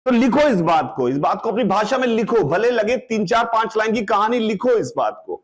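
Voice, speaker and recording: A man teaching a physics lecture in mixed Hindi and English, explaining step by step and often checking that students follow. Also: high-pitched. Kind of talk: classroom lecture.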